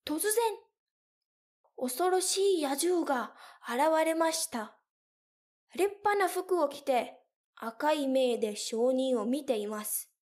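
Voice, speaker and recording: A young woman teacher telling a story slowly and carefully for learners, with clear, deliberate phrasing. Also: high-pitched, animated, a little mellow. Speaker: language teacher.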